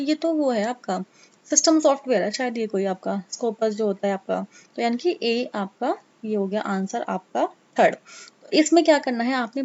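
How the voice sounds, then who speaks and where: Casual exam-prep teacher, a woman, teasing and coaxing, higher voice, muffled audio. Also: darkish tone. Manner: chatty, coaxing, teasing students; mixes English terms into Hindi. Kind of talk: casual Hindi lecture. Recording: dull lo-fi sound.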